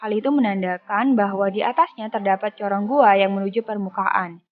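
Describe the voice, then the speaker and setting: A woman reading a scripted film plot recap in an even storytelling manner. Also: mid-range voice, brisk, dry recording. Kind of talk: scripted narration. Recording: dull lo-fi voice-over with music.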